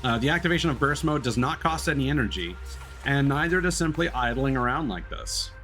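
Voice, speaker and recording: Game music plays behind a male streamer whose mid-range voice is slightly bright, with lively intonation and a pace that runs a little fast. He chats casually through his live gameplay, thinking aloud and explaining as he goes.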